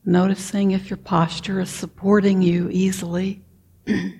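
A woman leading a guided meditation, talking softly and calmly, with frequent throat clearing. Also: medium pitch, slight background noise, rough recording. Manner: slow, soft-spoken and calm, with frequent throat clearing. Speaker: meditation teacher.

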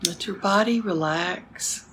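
A woman leading a guided meditation as a teacher, speaking calmly and gently with unhurried pauses. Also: lowish voice, a little hiss or hum, low-quality recording.

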